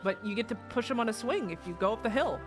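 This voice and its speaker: Woman, high voice, casual stream chat, coaching a friend, faint music. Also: expressive, fast. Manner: coaching a friend through the game. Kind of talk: casual let's-play chat.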